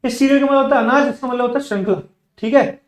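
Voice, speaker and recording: Echoey, patient male language teacher. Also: very high-pitched. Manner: slow, carefully spaced English example sentences; repeats words and asks the class questions back. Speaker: spoken English teacher. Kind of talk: bilingual classroom lesson.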